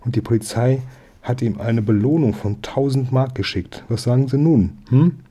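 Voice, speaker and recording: Bustling neighbor lady, eager and gossipy, voiced by a male reader; dark, husky. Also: medium pitch, pitched above the performer's own voice, close to an everyday voice. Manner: bustling, gossipy, quick to reassure. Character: chatty eager neighbor woman, a baker's wife.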